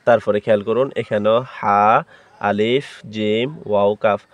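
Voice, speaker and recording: A man with a low, fairly monotone voice, clear and smooth, teaching Quran recitation step by step. He names each letter and mark, then sings out the syllables long and loud. The sound is close and dry, a little dull. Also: normal speed, no echo. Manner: spells letters aloud, then chants syllables loudly and drawn out. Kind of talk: spelling-out Quran recitation lesson.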